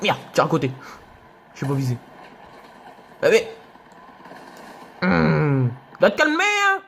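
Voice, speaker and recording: A young man giving excitable let's play commentary, yelping and laughing at enemies. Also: fairly high pitch, slow pace, vocal fry, a little hiss or hum. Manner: excitable, shouts and yelps at enemies, laughs often. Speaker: gaming youtuber.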